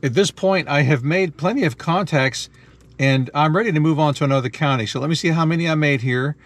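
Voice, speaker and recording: This man talks fairly quickly in a higher-than-average voice. Inside a car, he casually plays the part of a ham radio operator, alternating between explaining things and making contest calls with call signs and numbers given in the phonetic alphabet.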